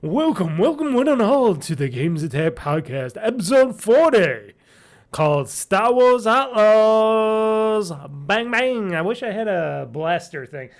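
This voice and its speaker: Solo gaming podcast host, male, nasal and high-pitched, rambling and self-deprecating, desk mic at home. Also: sing-song, slow. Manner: rambling and jokey, laughs at himself. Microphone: desk mic at home office.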